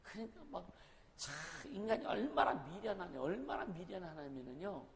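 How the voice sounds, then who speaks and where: A man's voice: sits high, very animated, moderate pace, creaky, crowd noise. A man pastor preaching a sermon in a conversational way, often asking the congregation questions. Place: church sanctuary. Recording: long reverb of a hall, faint noise.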